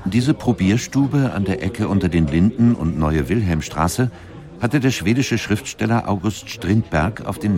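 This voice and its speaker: A man with a low, slightly mellow voice reads scripted documentary narration, telling the story in a measured, articulate way.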